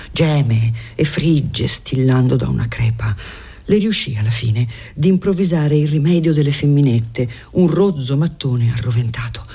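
A measured literary audiobook narration that sinks into whispers at tender moments, read in a breathy voice. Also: medium pitch, a little mellow.

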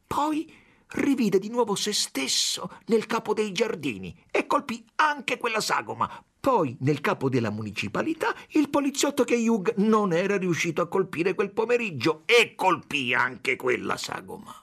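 A man reading an audiobook aloud with an expressive, dramatic delivery. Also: sits high, gravelly, breathy edge. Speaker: narrator. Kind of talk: audiobook narration.

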